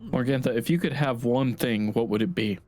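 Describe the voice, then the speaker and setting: A man improvising in character as a player in a tabletop game, speaking in a hesitant, halting way. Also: mid-range voice, darkish tone. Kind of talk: improvised in-character role-play.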